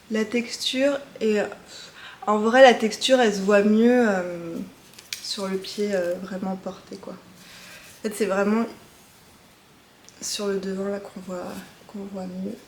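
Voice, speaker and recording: A woman's voice: mid-range voice, reverberant, a little hiss or hum. A woman chatting casually as she shows her knitting projects, talking in a loose, hesitant way with frequent filler sounds. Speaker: knitting vlogger. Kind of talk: casual show-and-tell chat.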